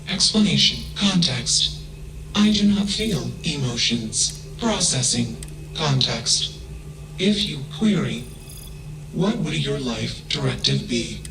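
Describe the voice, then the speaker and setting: A man voicing a cold, logical male ship AI in a video game, speaking in flat, emotionless, clipped statements. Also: mid-range voice, reverberant, low-quality recording.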